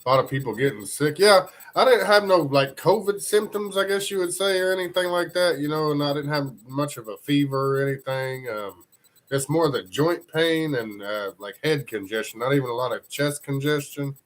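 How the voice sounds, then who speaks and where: A man with a cold, sounding congested, hosts a casual live news stream, rambling loosely and greeting viewers from the chat. His voice is a little high, at a moderate pace.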